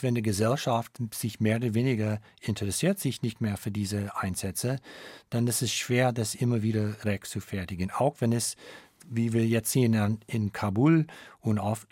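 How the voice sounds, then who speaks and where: A middle-aged American man, a studio guest and veteran, speaking halting, searching German with an American accent in a radio interview. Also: on the low side, a little mellow, dry recording. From United States. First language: English. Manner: searching, halting non-native German with restarts. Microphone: studio microphone.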